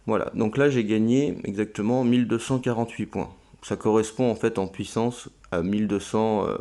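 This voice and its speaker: Low-voiced man hosting a crypto walkthrough. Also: a little mellow. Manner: hesitant, many filler sounds and restarts. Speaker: crypto channel host. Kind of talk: casual screen-recorded walkthrough.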